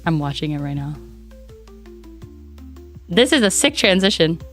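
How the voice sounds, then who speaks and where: A woman streamer in casual chat, bubbly and giggly, her voice raspy and hoarse from a week of coughing. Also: lowish voice, big pitch swings, unhurried, fairly bright tone. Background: faint background music.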